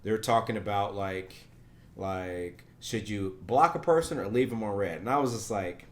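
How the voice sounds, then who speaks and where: A man hosting a casual podcast chat, an animated storyteller who laughs often. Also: lowish voice, normal speed. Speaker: podcast host.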